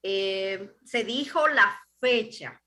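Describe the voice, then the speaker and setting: A woman hosting an interview and asking a doctor measured, drawn-out questions. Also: mid-range voice, sharp tone. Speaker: interviewer host.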